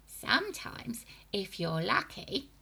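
A wicked old grandma hag for a storybook: husky, throaty whisper, slow, relishing menace. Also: female voice, sing-song, pushed and bright, full character voice. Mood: gloating. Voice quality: high, creaky, whispery and throaty. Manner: slow, gloating, relishing each word.

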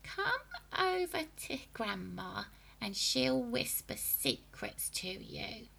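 A woman voicing a nasty old grandmother, a menacing witchlike hag with a high, creaky, whispery and throaty voice, who talks slowly and gloats over every word. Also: very animated, bright, forceful tone, exaggerated voice. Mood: coaxing. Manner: slow, gloating, relishing each word.

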